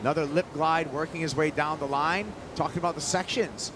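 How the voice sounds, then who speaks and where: A man's voice: on the high side, fairly quick, noisy background. A man calling a live surf contest as an announcer, in a laid-back surfer manner with plenty of surf slang. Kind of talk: live sports commentary.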